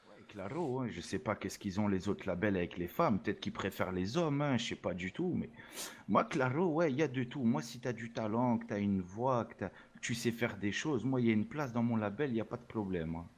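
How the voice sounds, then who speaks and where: A man's voice: fairly low pitch, lively intonation, brisk. A man playing a swaggering Salvadoran rap label boss in a role-play interview, boastful and sprinkling Spanish words into his talk. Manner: boastful, peppers speech with Spanish words and 'hein'.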